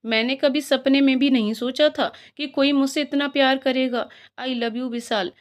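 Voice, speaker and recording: A woman's voice: high-pitched, fairly even intonation, normal speed, close to an everyday voice. A woman voicing a cheeky, loving young woman in a story. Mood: playful. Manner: cheeky, sweet.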